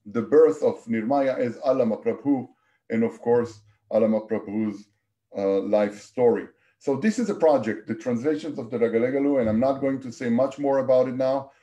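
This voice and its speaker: A middle-aged man giving an online academic presentation in a measured, explanatory and somewhat hesitant manner. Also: medium pitch, mellow. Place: small indoor room, on a video call.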